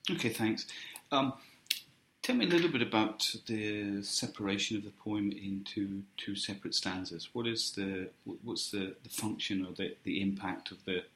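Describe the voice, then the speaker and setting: Man examiner asking questions, super deep voice, keeps rephrasing, echoey room. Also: fairly bright tone, a little hiss or hum. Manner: halting, rephrasing his questions. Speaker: teacher examiner. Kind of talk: oral exam questioning.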